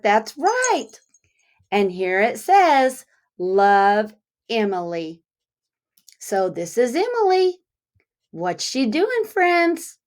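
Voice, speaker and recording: This teacher, a woman with a fairly high voice, reads a picture book aloud to small children. She goes deliberately and pauses to put questions to them.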